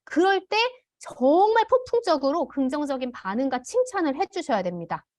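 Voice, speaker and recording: A woman teaching an online parenting class, calmly explaining and acting out what parents can say to children. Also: high-pitched, moderate pace. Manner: demonstrates parent phrases aloud. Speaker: parenting educator. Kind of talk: online parent education lecture.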